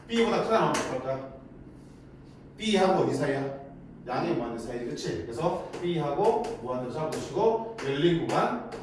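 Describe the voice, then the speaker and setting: A man teaching a math lesson in a chatty way. He keeps asking students questions and then answers them himself. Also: a little high. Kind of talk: lecture to students. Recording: echoey room, mic at a distance, faint noise.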